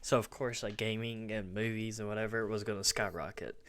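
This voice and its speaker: A man's voice: on the low side, steady tone, a little fast, a bit bright. A man giving casual, informal live reaction commentary as a streamer, often chuckling between remarks.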